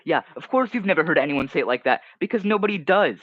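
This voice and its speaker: A man's voice: fairly high pitch, animated, fast, dry recording, lo-fi sound. A teenage streamer, casually reading comments aloud and mocking them, often restarting his sentences.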